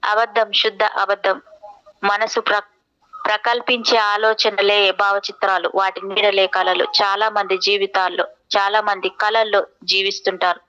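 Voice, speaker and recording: A woman narrating a novel in the first person, with measured, reflective and poetic phrasing. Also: medium pitch, level tone, bright, forceful tone, highs cut off. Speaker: audiobook narrator.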